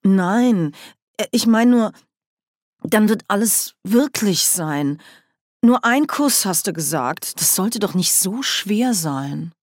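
A woman's voice: medium pitch, a little slow, a little mellow, no room sound, clean studio sound, close to an everyday voice. A woman voicing a whiny, vain duke. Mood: panicked. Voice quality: whining, sulky. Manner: complaining, with stumbling filler sounds. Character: petulant, vain, whiny young male duke.

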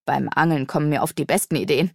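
A portly male sage speaks in a calm, self-pleased, unhurried way, put on by a woman reading a storybook. The sound is close and dry. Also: low voice, vocal fry, dry recording. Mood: smug.

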